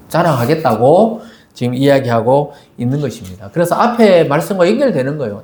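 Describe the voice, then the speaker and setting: A man delivers a Sunday sermon in a loose, conversational way, slipping into little acted voices for the people in his stories. His voice sits slightly higher than most men's. The recording carries the echo of a church sanctuary. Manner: conversational, animated storytelling with quoted voices. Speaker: pastor. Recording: echoey church hall.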